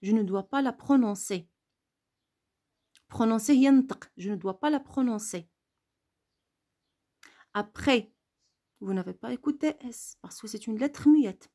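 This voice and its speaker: A woman teaching a French grammar lesson. She speaks slowly and repeats key words and letters to stress how they are pronounced. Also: a little high, mellow.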